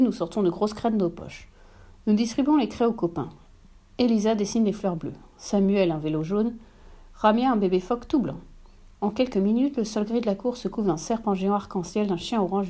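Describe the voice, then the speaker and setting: A woman narrating a children's story in a gentle, steady manner. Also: mid-range voice. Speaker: reader.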